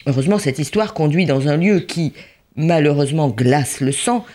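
A storyteller narrating a tale with expressive, lively delivery. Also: mid-range voice, normal speed.

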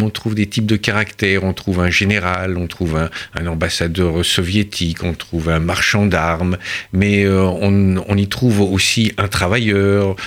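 Deep-voiced male actor telling a story. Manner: storytelling, halting with repeated words. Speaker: actor, guest. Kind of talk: radio interview.

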